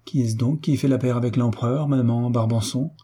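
Narrator doing a blustering old sailor commander, dark husky tone, storybook. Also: male voice, medium pitch, fairly even intonation, a little fast, lightly acted. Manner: blustering, cursing mildly. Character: gruff genial old retired sea captain.

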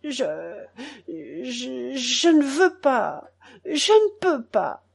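A woman's voice: fairly high pitch, steady tone, measured pace, mellow. Proud young boy near tears, read by a woman, stammering and choked. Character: proud, tearful young boy holding back sobs.

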